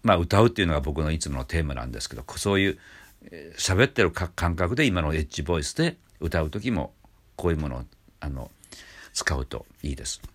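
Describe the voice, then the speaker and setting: An older Japanese man teaching a singing lesson, explaining calmly with many fillers and small restarts. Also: very deep voice, quick pace. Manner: explains calmly, breaking off to demonstrate sounds. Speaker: voice trainer. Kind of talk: vocal lesson with demonstrations.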